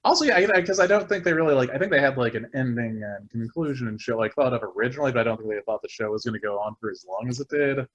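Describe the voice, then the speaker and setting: A man chatting casually on a podcast, fast and animated, swearing a lot, heard over dull call audio. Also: medium pitch. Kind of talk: casual chat.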